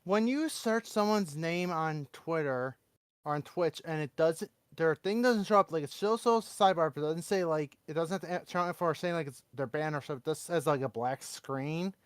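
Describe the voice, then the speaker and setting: A young man co-streaming a game, chatting excitably and yelling back when he is teased. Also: fairly high pitch, normal speed, clean tone, no echo, studio quality. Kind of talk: casual chat while gaming.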